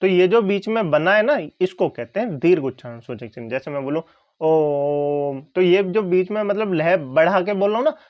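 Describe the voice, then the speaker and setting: Brisk, high-voiced male teacher. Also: no echo, muffled recording. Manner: repeats questions and answers them himself; rising checks, then low flat answers. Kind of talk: online exam-prep lesson.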